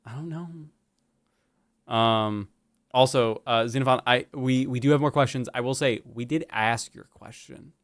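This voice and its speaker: A man's voice: mid-range voice, fairly even intonation, moderate pace, clean tone, no echo, clean studio sound. A man hosting a live stream, chatty and joking, swearing casually as he moves between stories. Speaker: stream host.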